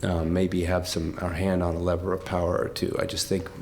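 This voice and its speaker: An older man giving heartfelt off-the-cuff remarks at a tribute, emotional and close to tears, speaking haltingly with many restarts and laughing through it. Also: sits low, monotone, a little mellow, slight background noise. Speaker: speaker at a corporate tribute event.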